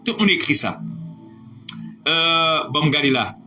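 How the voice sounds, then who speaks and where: A man leads a live online lesson, his voice high and bright as he spells words out letter by letter. His pitch rises and falls energetically while he cheers on students, with faint music playing behind him. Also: expressive, a little slow. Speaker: online French teacher.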